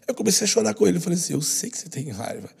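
This Brazilian Portuguese-accented guest, who works with children, shares emotional personal stories in an interview, speaking earnestly in slang and repeating for emphasis. He sounds high, very animated and rapid-fire, with a gravelly, darkish, slightly rough tone.

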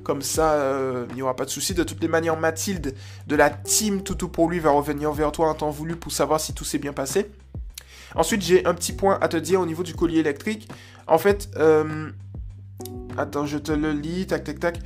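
Dog trainer, casual chatty coaching, mid pitch, faint music behind. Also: moderate pace. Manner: chatty, loose, full of fillers and restarts. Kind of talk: casual spoken coaching advice.

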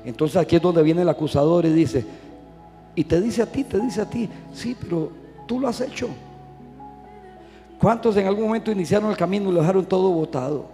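A man's voice: high-pitched, quick pace, warm tone, in a large hall, faint music behind. A male pastor preaching a sermon, with impassioned, repetitive phrasing.

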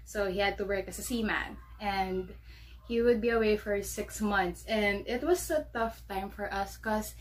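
A woman's voice: mid-range voice, unhurried. A young woman hosting a casual podcast from her bedroom, bubbly and giggly as she chats. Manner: bubbly, giggly, talks baby talk to her dog. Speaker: podcast host. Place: bedroom at home.

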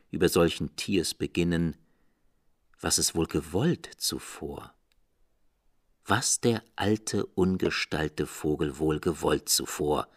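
Man reciting a poem, very deep voice, unhurried, dry close sound. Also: no echo. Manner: declamatory, theatrical. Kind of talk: dramatic poetry recitation.

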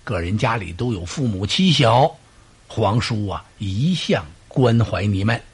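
A man doing a stern low-voiced strategist. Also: lively intonation, measured pace, breathy edge, heavily acted. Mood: measured. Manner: low, clipped and commanding. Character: cool, stern male strategist.

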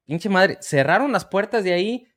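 A man in his thirties, a podcast co-host telling a story in lively casual chat and acting out the voices. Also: high-pitched, normal speed. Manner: animated storyteller, acts out voices, swears freely.

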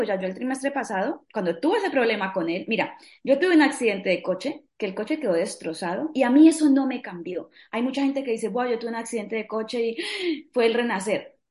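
A woman from Colombia in her forties, a podcast guest chatting frankly and acting out dialogue as she tells stories. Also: on the high side. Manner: frank, storytelling, acts out dialogue. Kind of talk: casual interview chat. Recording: roomy echo.

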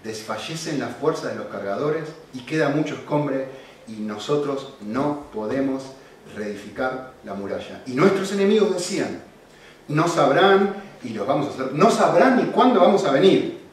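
A man preaches, pushing hard on some phrases and then dropping to a quiet storytelling voice. He is heard from some distance in a very echoey room. A faint hiss runs underneath. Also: medium pitch, normal speed. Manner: animated, swings from loud emphasis to quiet storytelling. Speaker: pastor. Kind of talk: sermon.

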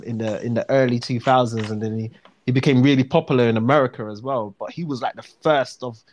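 A man with a South London accent in a relaxed casual chat, full of fillers and restarts. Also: medium pitch. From South London, England.

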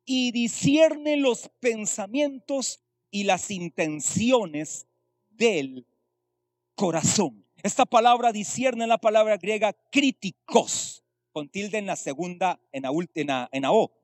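A man's voice: high-pitched, lively intonation, takes it slowly, no room sound. A male pastor preaching a sermon, explaining Greek words and asking rhetorical questions.

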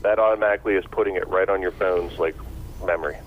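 Very deep man over the phone. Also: fairly even intonation, quick pace. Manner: patient, step-by-step explaining. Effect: heard over a phone line. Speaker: guest expert. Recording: dull phone line, faint noise.

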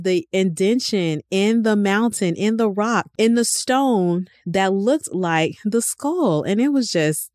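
A woman's voice: fairly low pitch, a little mellow, dry recording. A woman hosting a podcast who shares a personal reflection in a heartfelt, emotional way and is often close to tears as she talks with devotion about prayer. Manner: devout, speaks of prayer with fervor; chatty, addresses listeners as y'all. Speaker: podcast host.

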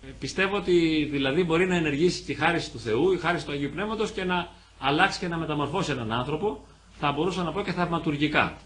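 A man giving an earnest, gentle pastoral talk on marriage and family in a church, answering audience questions with everyday examples. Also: a little high. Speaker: invited speaker on marriage.

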